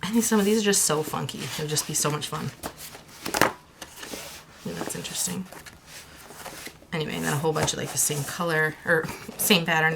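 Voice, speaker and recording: A young woman chatting casually in a vlog, gushing and chatty, with soft whispered asides. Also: deep voice, creaky, noisy background. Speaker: crafting vlogger.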